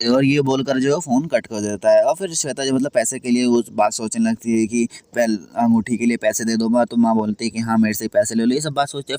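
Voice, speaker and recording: Fast-talking man recapping a serial. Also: mid-range voice, dry recording. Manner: retells scenes, quoting characters in his own voice; heavy use of filler phrases. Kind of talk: casual spoken plot recap.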